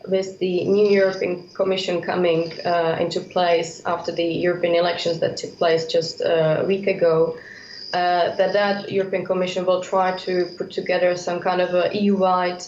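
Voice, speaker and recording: Halting Czech woman on an echoey remote line. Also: fairly low pitch, level tone, darkish tone, slight background noise. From Czech Republic. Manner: halting, heavy use of uh fillers. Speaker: political analyst. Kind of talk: remote expert commentary. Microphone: video call. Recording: echoey muffled remote link.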